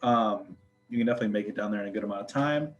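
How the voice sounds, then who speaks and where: A man's voice: on the low side, rapid-fire, dull audio, background noise. A young man, a student ambassador chatting casually with lots of fillers and jokes. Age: young adult. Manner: chatty, filler-heavy, joking. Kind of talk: casual chat.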